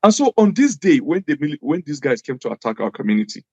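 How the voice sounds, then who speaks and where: A man's voice: a little high, very animated, quick pace, breathy edge, dry recording, lo-fi sound. A man from Nigeria, a native Hausa speaker, speaks English with a Hausa accent in an earnest, emphatic interview style, repeating phrases for stress. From Jos, Nigeria. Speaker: interview guest, former government official.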